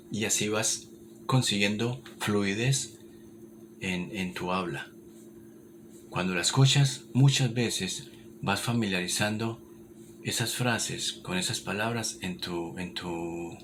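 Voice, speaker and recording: A man, giving an informal language lesson in a repetitive, encouraging way. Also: on the low side. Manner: repetitive, encouraging, many restarts. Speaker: English teacher. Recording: noticeable background noise.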